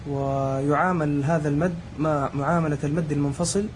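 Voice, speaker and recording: Student, man, a little high, faint room hum behind. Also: fairly even intonation, fairly quick. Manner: careful, recited answer. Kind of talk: reciting a memorized definition.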